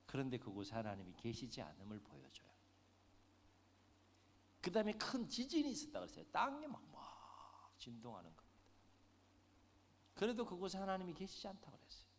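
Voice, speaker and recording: A man's voice: mid-range voice, a little hiss or hum. A male senior pastor preaching an afternoon sermon, retelling the story dramatically with a voice that rises and drops. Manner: lively preaching, voice swelling and dropping, dramatic retelling. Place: church sanctuary. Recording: long hall reverb.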